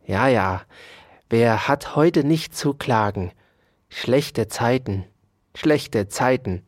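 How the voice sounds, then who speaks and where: A storyteller voicing a fat, fussy, irritable male hamster who blusters and scolds in a raised, loud voice. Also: medium pitch, big pitch swings, normal speed, no room sound, clean studio sound. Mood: grumbling.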